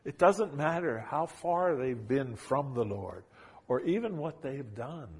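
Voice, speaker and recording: A man preaching a sermon, retelling a story with dramatic emphasis and swings between loud and quiet delivery. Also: medium pitch, animated, unhurried, breathy edge. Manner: dramatic retelling, acting out quoted lines.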